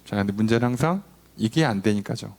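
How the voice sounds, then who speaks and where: A man's voice: lowish voice, lively intonation, fast talker, vocal fry, darkish tone. A male pastor leading a Bible study. He talks with the congregation in a conversational way, asks them questions and acts out quoted dialogue. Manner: acts out quoted dialogue between God and people.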